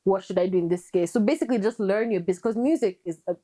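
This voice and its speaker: Fast-talking young woman with American-tinged accent. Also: medium pitch, mellow. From Kenya. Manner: quick, candid, rambling with many fillers. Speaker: guest musician. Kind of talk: casual interview chat.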